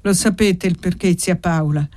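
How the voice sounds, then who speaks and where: A woman's voice: fairly low pitch, fairly even intonation, moderate pace, warm tone, close to an everyday voice. A woman reading as a bitter jealous young servant. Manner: bitter, insistent. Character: angry young male servant, jealous and blunt.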